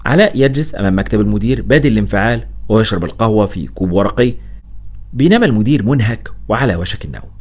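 A man reading the stage directions of a play aloud in a brisk, animated way. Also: fairly low pitch. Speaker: narrator.

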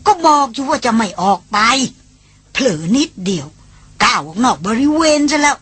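Woman reading a fussy old jungle guide, worried, scolding, husky. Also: extremely high pitch, very animated, normal speed, a bit bright, no room sound, heavily acted. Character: old male hunter guide, anxious and fussing.

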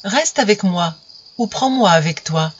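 A woman voicing a gentle, fragile female rose in a storybook reading, soft and pleading, in a dull lo-fi recording. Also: mid-range voice, animated, measured pace, slightly rough, dry recording. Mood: tender pleading.

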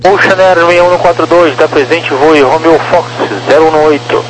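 A man's voice: on the high side, fairly even intonation, fairly quick. Brazilian man on crackly air traffic radio. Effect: two-way radio transmission. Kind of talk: clipped aviation radio phraseology. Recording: noisy humming radio channel.

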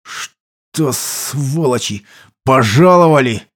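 Brief: man reading a wounded soldier, defiant, mellow low tone, audiobook. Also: fairly even intonation, normal speed, breathy edge, natural voice. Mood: grim defiance. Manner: bitter, defiant, tearful. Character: wounded young soldier facing death, stubborn.

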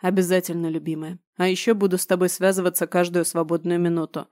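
A young space general, guilt-ridden and devoted, coaxes his wife in a soft, pleading tone, as a woman reads him in an audiobook. His voice sits low and mellow. The recording is close and dry, with no room around it. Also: level tone, fast, dry recording, natural voice. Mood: tender. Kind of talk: audiobook narration.

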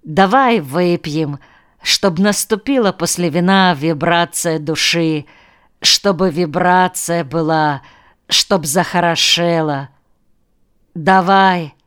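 A woman's voice: on the low side, slow pace, a bit bright, clear, resonant tone. A woman voicing a cheerful, dreamy male drinking companion in a playful, persuasive manner. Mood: coaxing.

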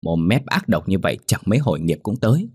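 A sharp-tongued old servant woman, blunt and scornful, scolding loudly, as a man puts her on. The voice is husky and raised higher than his usual deep tone, in a dry, close recording. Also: very animated, quick pace, no room sound, heavily acted.

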